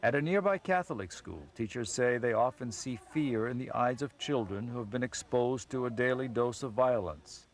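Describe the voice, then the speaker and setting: A man narrates a documentary in an even, measured voice-over. His pitch sits in a middle range, neither high nor low, and he keeps his delivery steady. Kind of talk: scripted narration.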